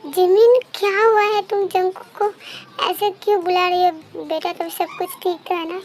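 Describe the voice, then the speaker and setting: A woman's voice: extremely high pitch, steady tone, moderate pace, slight background noise. A woman voicing a concerned middle-aged father in a fan-dubbed story, asking questions with concern. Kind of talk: fan dub story voice acting. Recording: faint background music.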